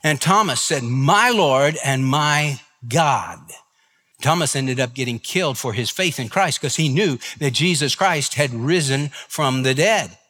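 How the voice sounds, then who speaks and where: A man's voice: mid-range voice, normal speed, few pauses, pushed and bright, long reverb tail. A man preaching a sermon as a pastor, retelling a story with emphatic repetition.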